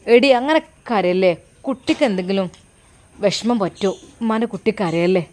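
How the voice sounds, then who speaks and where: A woman voicing a gentle mother who soothes her daughter softly. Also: mid-range voice, lively intonation, moderate pace, slight background noise, natural voice. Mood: soothing. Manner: soft, soothing.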